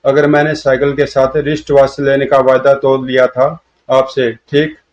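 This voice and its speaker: A man's voice: mid-range voice, monotone, normal speed, darkish tone, close to an everyday voice. A man voicing an old man over seventy who whines and pleads like a six-year-old boy, in a comic storybook reading. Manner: childlike, whiny pleading. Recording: dull lo-fi audio.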